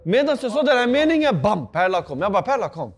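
A young man telling a story in slangy, animated banter as a contestant in a reality game. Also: high-pitched. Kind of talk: casual group banter.

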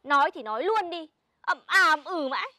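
A woman's voice: high-pitched, expressive, normal speed, bright, forceful tone, no echo. A woman with a Northern Vietnamese accent playing a nosy, bossy middle-aged village woman who talks brusquely in a comedy sketch. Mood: impatient. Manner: brusque, suspicious, impatient.

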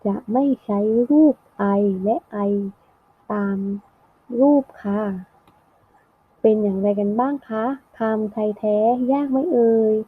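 Breathy woman teaching a class. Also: medium pitch. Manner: slow, clear explanatory delivery ending lines with polite particles. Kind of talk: classroom lesson narration. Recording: thin phone-like audio.

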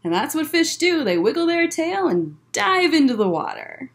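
Her voice sits high with big swings in pitch and some vocal fry, moving at a moderate pace. This young adult woman runs a kids' story time in a library room full of bookshelves, keeping explanations simple as she talks and reads, captured by a desk-distance webcam or laptop microphone.

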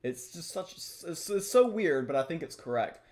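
Slightly high and a little mellow, this young man's voice carries lively intonation at a moderate pace. Streaming from a small room at home, he plays a card game while thinking aloud through each move analytically.

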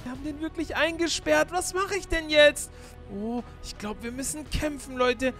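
A young man narrating a game role-play to his viewers with excitable, surprised exclamations. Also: extremely high pitch, moderate pace, soft background music. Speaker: YouTuber playing through a Minecraft role-play.

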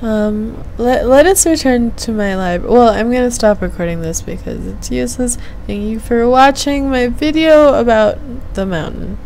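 Young woman, gravelly creak, unhurried hesitant rambling, casual game stream chat, headset mic, slight background noise. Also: a little high, darkish tone. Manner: hesitant, meandering, half muttering to herself. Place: small room at home, indoors. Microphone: gaming headset mic.

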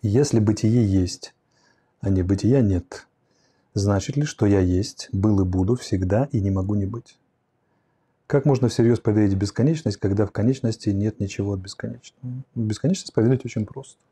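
Low-voiced man lecturing at a whiteboard. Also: normal speed, warm tone, breathy edge. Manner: reflective, explains with a whiteboard, reads questions aloud then answers. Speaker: host answering viewer questions. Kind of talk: livestream lecture on philosophy and psychology. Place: indoor studio room with curtains and whiteboard. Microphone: lapel mic.

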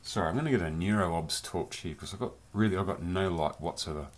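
A man's voice: sits low, fast talker, noisy background. A man casually reviewing a collectible toy in a rambling, chatty vlog from his home beer cellar. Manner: chatty, rambling, loose slang.

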